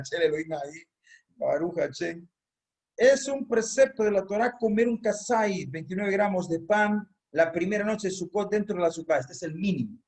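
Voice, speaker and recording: A man's voice: sits high, darkish tone. A man teaching a congregation in an online religious class, explaining step by step and repeating key phrases so they are memorized.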